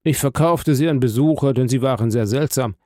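A man's voice: mid-range voice, fairly quick, dark tone, no room sound, studio quality, close to an everyday voice. A man voicing a humble, eager old prison guide in an audiobook, speaking in a deferential, wondering way. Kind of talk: audiobook character reading.

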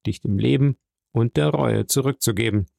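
A man voicing a stern, solemn nobleman who speaks slowly and gravely. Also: medium pitch, warm tone, dry recording, studio quality. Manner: slow, grave, measured.

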